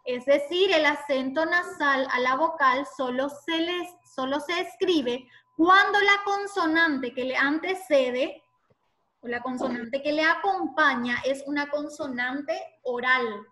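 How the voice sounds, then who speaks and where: A woman teaching an online class, explaining slowly and patiently and spelling out sounds one by one. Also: high voice, pushed and bright.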